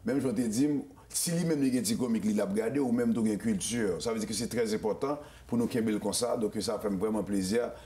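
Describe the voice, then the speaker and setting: Animated male host. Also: lowish voice, fast, few pauses, reverberant. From Haiti. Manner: animated, stammering restarts. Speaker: show host. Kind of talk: casual interview.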